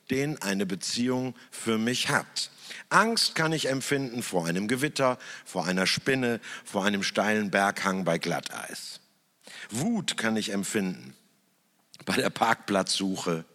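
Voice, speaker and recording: A man talks slowly and thoughtfully to an audience from a stage. His low voice rises and falls with lively emphasis between long pauses. A long reverb rings out through the hall. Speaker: speaker who works in church television. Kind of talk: reflective talk in front of an audience.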